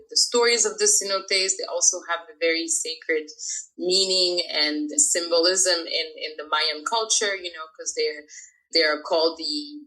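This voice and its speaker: Bright-voiced woman in her thirties, from France. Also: on the low side, rough recording. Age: 30s. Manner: chatty, laughs often, many fillers. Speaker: guest, freediver. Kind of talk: casual interview talk.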